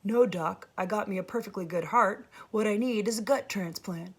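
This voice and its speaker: A woman voicing a shy, nervous country boy who stammers and talks haltingly. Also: mid-range voice, slightly rough.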